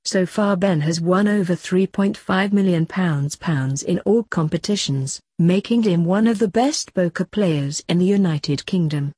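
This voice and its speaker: Female narrator for scripted article read: formal, mellow and husky, slightly low, very dry sound. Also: a little slow, few pauses, dry recording. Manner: formal, reading verbatim.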